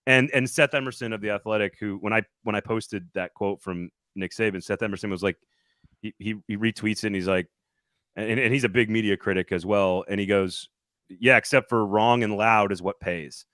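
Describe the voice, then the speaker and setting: A man with a fairly low voice talks sports in a loose, rambling way, doubling his words and restarting his thoughts. The recording is close and dry, with no room sound around him. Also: steady tone, fairly quick, fairly bright tone, dry recording. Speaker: sports podcast host reporting on location. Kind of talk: casual sports talk.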